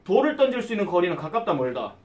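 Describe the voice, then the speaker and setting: A male English teacher, giving an exam-prep lecture and quizzing his students with quick questions. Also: high voice, big pitch swings, roomy sound, distant mic.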